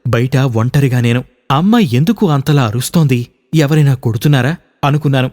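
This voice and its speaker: A man's voice: mid-range voice, a little fast, darkish tone, close to an everyday voice. A man voicing a troubled young husband who makes a subdued, earnest confession in a radio story reading. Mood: grieving. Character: troubled young husband haunted by mother's death.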